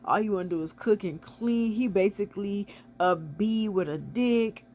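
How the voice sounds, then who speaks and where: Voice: mid-range voice, moderate pace, darkish tone, slight background noise. Chatty, blunt movie recap vlogger. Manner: chatty, filler-heavy retelling with frequent "like"; blunt, opinionated asides. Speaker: movie reviewer. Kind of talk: casual real-time movie recap.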